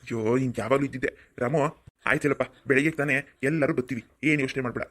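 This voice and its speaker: A voice actor playing a kind, calm middle-aged village uncle in a cartoon. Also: medium pitch, fast talker, close to an everyday voice. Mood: friendly. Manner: calm, soothing, firm. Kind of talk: cartoon voice acting.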